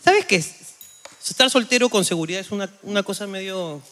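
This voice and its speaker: A Peruvian man co-hosting a comedy podcast, laughing loudly and often and cursing casually as he talks. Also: high-pitched, animated, moderate pace, soft background music. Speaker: podcast co-host. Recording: reverberant room with faint noise.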